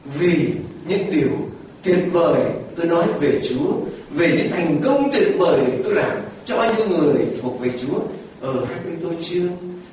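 A man's voice: on the high side, expressive, moderate pace, a little mellow, far from the mic, slight background noise. A man preaching a sermon to his congregation, quizzing listeners and mimicking people as he talks. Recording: echoey church picked up from afar.

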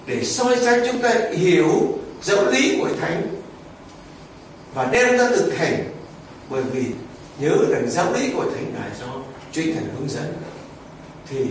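A male priest preaches a sermon in animated storytelling fashion. His voice sits high and swings widely in pitch. He sounds far from the mic, with heavy church echo and faint background noise. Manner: animated storytelling, rhetorical questions.

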